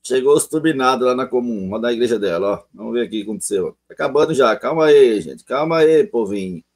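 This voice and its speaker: A man's voice: medium pitch, lively intonation, fast, a little mellow. A man hosting his channel, commenting on a testimony in a conversational way with emphatic asides. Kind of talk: video commentary.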